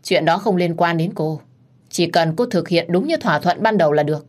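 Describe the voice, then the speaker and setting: A woman's voice: fairly low pitch, a little fast, darkish tone, natural voice. Woman doing a stern curt husband, firm, impatient, clipped.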